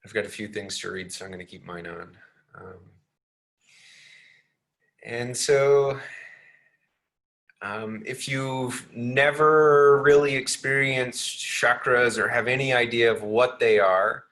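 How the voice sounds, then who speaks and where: A man leading a guided meditation in a gentle, unhurried way, with frequent ums. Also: mid-range voice.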